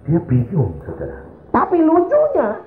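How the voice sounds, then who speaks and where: A male evangelist preaches in an animated storytelling way, his pitch swooping high and low. His voice fills an echoey church hall and comes through thin and phone-like. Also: measured pace. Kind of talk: sermon storytelling.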